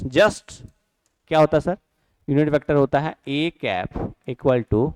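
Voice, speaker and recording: A man's voice: fairly high pitch, clean tone, no room sound. Man teaching physics in a dry room. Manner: explains step by step, asks and answers students' questions himself; mixes English terms into Hindi. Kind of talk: classroom lecture. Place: classroom or studio.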